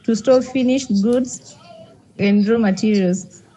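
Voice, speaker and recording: A woman's voice: on the high side, slow pace, mellow. A woman answering as a student in an online class, heard from a distance over a video call in a screen recording. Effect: student's voice coming over a video call in a screen recording.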